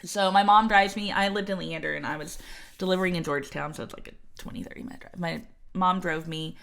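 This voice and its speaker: A woman's voice: lowish voice, fairly even intonation, fast talker, vocal fry, a bit bright. A woman, chatting as podcast co-host and telling a personal story with lots of fillers and quoted voices. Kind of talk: casual chat, telling her birth story.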